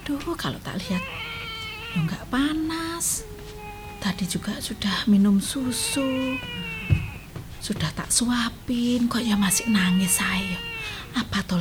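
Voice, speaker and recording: A woman's voice: mid-range voice, moderate pace, close to an everyday voice. A woman playing a fretful Javanese grandmother. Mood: fretful coaxing. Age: older. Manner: fretful, coaxing, chatty. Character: fussing grandmother soothing a crying grandson. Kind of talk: family drama acting. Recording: steady background noise.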